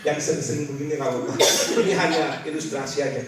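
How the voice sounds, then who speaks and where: A high-voiced man delivers an animated church sermon, full of everyday illustrations. He sounds a little distant from the mic, and the hall rings with heavy echo. The murmur of a congregation sits clearly behind him. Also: quick pace, over a noisy crowd. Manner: animated, rising to shouted calls to the congregation. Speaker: preacher.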